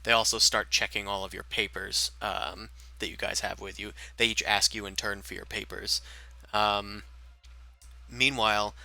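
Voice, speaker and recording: A man narrating a tabletop game as game master, improvising in a casual, halting way. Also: on the low side, steady tone, vocal fry, sharp tone.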